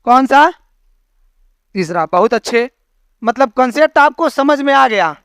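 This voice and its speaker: High-voiced man teaching a grammar class. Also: lively intonation, unhurried, a bit bright, clean tone, dry recording, studio quality. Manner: explains with homely analogies, keeps checking understanding with questions. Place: classroom with students.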